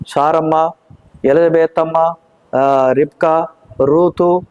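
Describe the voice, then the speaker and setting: A man preaching a sermon, reading scripture slowly and deliberately and asking rhetorical questions. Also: a little high, a little mellow, lo-fi sound.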